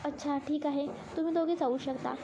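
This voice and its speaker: A woman voicing a quick-tempered young man who is a teasing boss, speaking indignantly and defensively in a storybook reading. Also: sits high, steady tone, muffled recording.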